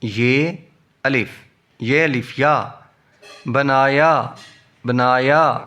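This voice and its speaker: Male teacher, slow syllable-by-syllable phonics reading for young pupils. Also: medium pitch, pushed and bright. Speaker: Urdu teacher. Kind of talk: slow phonics reading lesson, spelling out letters.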